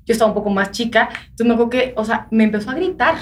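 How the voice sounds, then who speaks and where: A woman's voice: on the high side, racing, slight background noise. A woman with a Mexican accent, chatting and telling personal stories as a podcast host. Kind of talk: casual chat.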